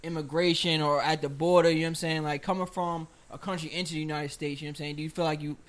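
A man with a fairly high voice runs a casual interview. He asks questions loosely and leans heavily on "like" as he talks. His tone stays relaxed and conversational. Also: racing. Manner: casual, heavy use of filler "like".

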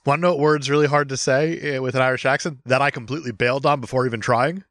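A man co-hosting a podcast, chatting casually about a movie in an animated, jokey way with some swearing. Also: medium pitch, quick pace, no echo, clean studio sound. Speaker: podcast co-host.

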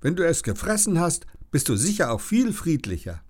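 A man putting on a bright, bold young girl. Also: on the high side, very animated, moderate pace, voice pushed up. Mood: gentle. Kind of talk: storybook character voice.

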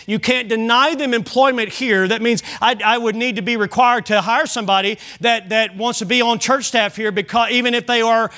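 A pastor with a notably high voice delivers a Sunday sermon in a church. He speaks earnestly and directly, and he often trips over a word and restarts it before pressing on. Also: fairly bright tone. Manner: earnest preaching with repeated restarts.

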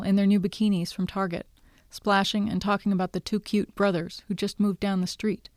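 A woman author reading her own short story aloud in a brisk, wry storytelling manner. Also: medium pitch, a little mellow, no room sound, studio quality.

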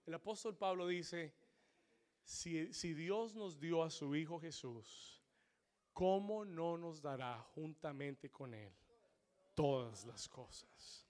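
A man preaching a sermon to a congregation, repeating his points in English and rising to shouts before dropping low and slow. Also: lively intonation. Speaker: pastor. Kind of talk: bilingual sermon. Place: church sanctuary.

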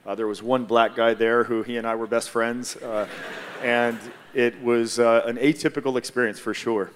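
A man from Hawaii sharing a personal testimony on a church panel, speaking in a measured, reflective way with frequent pauses. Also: medium pitch, level tone, a little hiss or hum.

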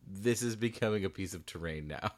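In a deep voice that runs a little fast, a man co-hosts a podcast, chatting casually and animatedly about a hobby. Laughter comes often, and he records in a small bedroom with the door shut.

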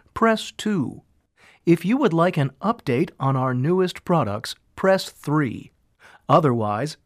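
A man's voice: a little high, dry recording, studio quality, lightly acted. A man playing a polite automated helpline announcer, reading a scripted phone menu formally. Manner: formal, orderly.

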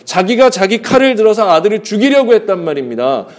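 Man, pastor, conversational sermon, high voice, rhetorical questions. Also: very animated, fast talker. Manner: acts out dialogue with shifting pitch.

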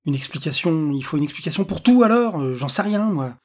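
Fed up swearing guy, man doing the voice, husky and pushed up high. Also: lively intonation, a little fast. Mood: defensive. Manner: blunt, swearing, irritated. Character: exasperated adult man, defensive and confused.

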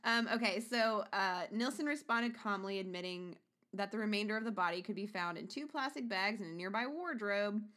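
A woman's voice: mid-range voice, normal speed, pushed and bright. A woman co-hosting a casual true-crime chat, reading out case notes and breaking off into profane asides. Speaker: podcast co-host.

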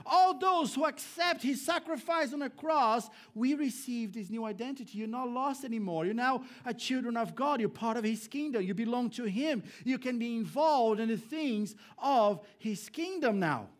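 A man from Brazil, a pastor preaching a sermon to a congregation, swinging between emphatic raised lines and low hushed ones. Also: animated, moderate pace, hardly any pauses. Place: church hall before a congregation.

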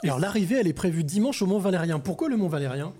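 A man interviewing a guest in a casual, friendly way, quick and joking, often stumbling and restarting his questions. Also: sits high, animated, dark tone, husky.

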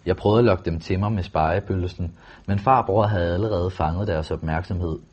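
A man reading a first-person novel aloud in a calm, measured, steady way. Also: deep voice, slightly rough, dull audio. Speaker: audiobook narrator.

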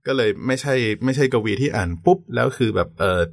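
A man co-hosting a podcast in a conversational lecture style, polite and quick to affirm. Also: medium pitch, gravelly, dry recording, studio quality. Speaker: podcast co-host.

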